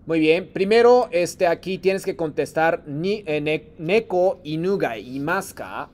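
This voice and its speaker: A man leads a Japanese class with a patient, encouraging manner. His voice sits a little high. He calls on students one by one and mixes Japanese phrases into his explanations. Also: animated, a little slow, darkish tone. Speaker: Japanese teacher. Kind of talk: online class lesson.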